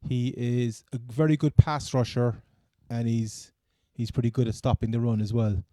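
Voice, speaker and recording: A man's voice: mid-range voice, moderate pace, warm tone, no echo, clean studio sound. A man with a Cork Irish accent chatting casually about sport as a co-host, rambling and stammering as he repeats his phrases. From Cork, Ireland. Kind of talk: casual American football chat.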